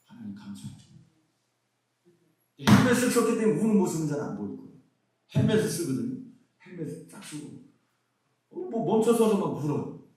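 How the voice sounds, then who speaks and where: Middle-aged man from Seoul, pastor, animated preaching voice, fairly high, heavy echo from a distant mic. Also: brisk, slight background noise. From Seoul, South Korea. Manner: lively preaching with rhetorical questions. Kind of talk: conference sermon. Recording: very echoey hall, mic far off.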